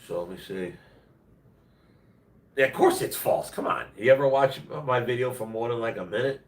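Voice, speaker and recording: He talks at a medium pitch and moderate pace, hosting a rambling livestream chat from his roomy-sounding home. Feeling under the weather, he sounds nasal, congested and worn out, yet stays plain-spoken, blunt and slangy. The mic is distant and the room echoes.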